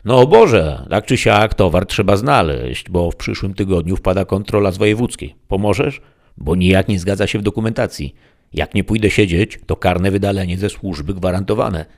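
A man's voice: deep voice, animated, moderate pace, pitched above the performer's own voice. A man voicing a crude, patronizing middle-aged male police inspector. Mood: scheming.

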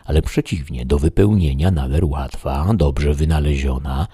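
A man's voice: very deep voice, normal speed, mellow, slightly rough, dry recording, studio quality, exaggerated voice. A man reading the part of an elderly, deluded knight-errant who declaims solemnly and grandly in an audiobook.

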